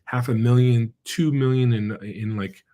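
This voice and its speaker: A man's voice: mid-range voice, steady tone, unhurried, mellow. A middle-aged man, born in China and raised in the American Midwest, talking casually as a guest epidemiologist, hesitant and full of fillers and restarts. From born in China, raised in the American Midwest and central Pennsylvania. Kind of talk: casual interview chat.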